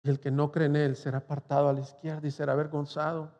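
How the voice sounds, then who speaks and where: Male pastor from Mexico, high-pitched, impassioned preaching in a reverberant church hall. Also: little pitch movement, quick pace, mellow, lo-fi sound. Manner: impassioned preaching, rising to cries. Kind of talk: sermon.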